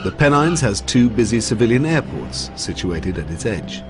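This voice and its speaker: A man narrates a documentary from a script, his pitch rising and falling a great deal. Music plays clearly under him. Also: sing-song, normal speed.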